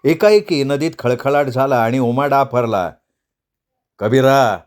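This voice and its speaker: A man's voice: mid-range voice, moderate pace, a little mellow. A man narrating a novel as an audiobook, telling the story dramatically.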